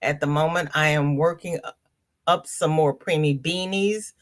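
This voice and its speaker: Low-pitched and speaking at a moderate pace, a congested woman runs a casual live crafting chat. She greets people in the chat by name and reads their messages aloud.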